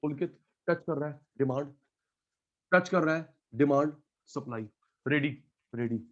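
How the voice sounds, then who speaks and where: A man's voice: on the high side, a little slow, a bit bright, dull audio. A male teacher running an online class, calling out students by name and repeating key terms again and again.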